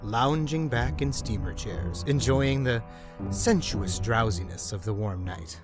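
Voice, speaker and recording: A man voices a self-assured big-game hunter who brushes off fear with brisk, scoffing lines. His pitch swings widely as he talks, in old-time radio style, with music running underneath. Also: animated. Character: confident adult male big-game hunter, dismissive of fear. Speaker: narrator and lead character.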